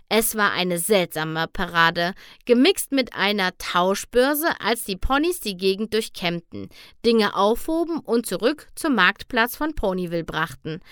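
A woman narrating a children's storybook aloud with expressive reading. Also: mid-range voice, smooth, no room sound, clean studio sound. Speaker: audiobook narrator.

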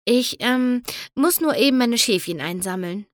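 A woman voicing a shy, gentle female pony who speaks softly and hesitantly. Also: a little high, expressive, a little slow, no room sound, studio quality, pitched above the performer's own voice.

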